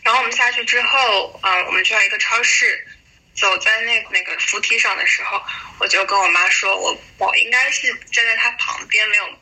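A woman in her thirties from China slowly telling a personal story over a voice call, pausing and restarting as she recalls it. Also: mid-range voice, bright, forceful tone, husky, low-quality recording. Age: 30s. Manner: slow, reflective, hesitant retelling. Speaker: guest sharing a story. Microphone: voice call recording.

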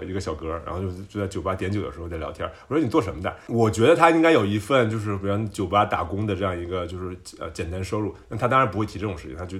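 A man from China, a podcast guest, telling stories in a lively casual chat, laughing often and dropping in English words. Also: lowish voice.

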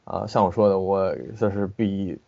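A low, creaky male voice belongs to a film director giving an interview over an internet call from his home in the city. He speaks at normal speed, casually and with animation, pausing and restarting sentences often. The recording is muffled.

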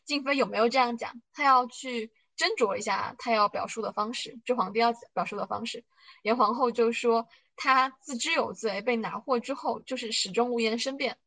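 A woman's voice: on the high side, normal speed, bright, forceful tone, no echo, low-quality recording. A woman hosting a podcast, chattily retelling drama scenes and thinking aloud about hidden motives, with lots of fillers. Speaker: podcast host. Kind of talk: casual plot recap and analysis.

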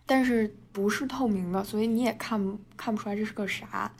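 A Chinese woman in her twenties talks a little fast at medium pitch while co-hosting a podcast. Her storytelling chat is casual and full of laughter, filler words and bits of English.

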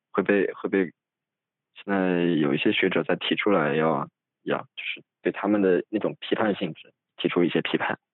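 A man with a very low voice talks as a guest in a casual academic podcast. He stammers, often repeating words before getting a thought out. The sound is tinny, like a phone, and dry with no room echo.

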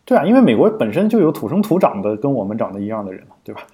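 A man's voice: medium pitch, sing-song, very fast, mellow. A man co-hosting a podcast in casual explanatory chat, thinking aloud with frequent fillers and restarts. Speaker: podcast co-host.

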